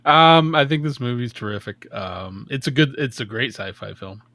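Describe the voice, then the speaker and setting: Animated young man, bright dry voice. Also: mid-range voice, normal speed, dry recording. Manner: animated, laughs often, swears casually. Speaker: podcast co-host. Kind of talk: casual film review chat.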